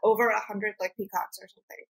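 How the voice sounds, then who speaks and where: A woman hosting a podcast, running a playful animal trivia quiz with frequent laughter and quick asides. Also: mid-range voice, flat delivery, vocal fry, husky, low-quality recording. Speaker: podcast host and producer. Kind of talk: casual quiz chat.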